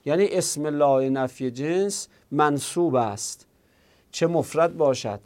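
Man, grammar teacher, fairly high voice, asks and answers his own questions, slow repeated examples. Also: a little mellow. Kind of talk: Arabic grammar lesson.

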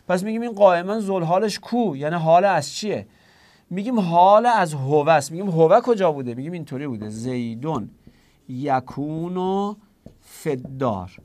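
A man's voice: fairly high pitch, a little mellow. A man teaching a grammar class, explaining step by step, asking himself questions and answering them, and speaking directly to his students.

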